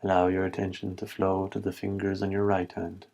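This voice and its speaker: A low-voiced man with vocal fry takes listeners through a body scan meditation, his delivery level and steady with little variation in pitch. He instructs calmly, spacing out short, measured phrases one at a time.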